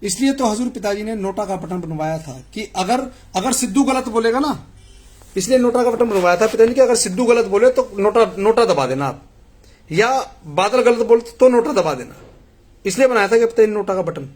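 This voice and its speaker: Higher-pitched man arguing on a live stream. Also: lively intonation, a little fast, a little mellow. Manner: earnest, argumentative, addresses viewers directly. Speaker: live stream host answering viewer comments. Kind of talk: casual live commentary reading messages.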